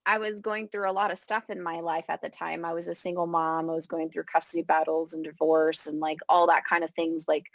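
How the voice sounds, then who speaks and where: Gravelly, chatty Californian woman guest. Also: low-pitched, brisk, few pauses, dry recording. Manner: relaxed, chatty, says "like" a lot, acts out her own thoughts. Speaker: feng shui consultant, guest. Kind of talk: casual interview.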